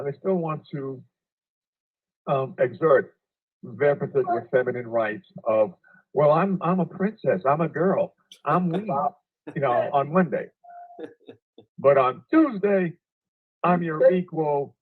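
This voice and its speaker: A man speaking as a remote guest over a video call connection that keeps breaking up, telling a story in a halting way with many fillers. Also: mid-range voice, lively intonation, breathy edge. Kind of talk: casual panel discussion. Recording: tinny phone-like video call audio.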